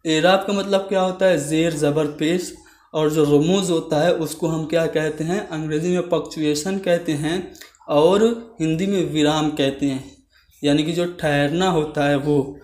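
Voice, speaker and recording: A man with a fairly high voice works through exam questions one by one. He reads each option aloud and explains it patiently. The room around him is echoey. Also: a little mellow. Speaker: exam teacher. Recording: roomy echo.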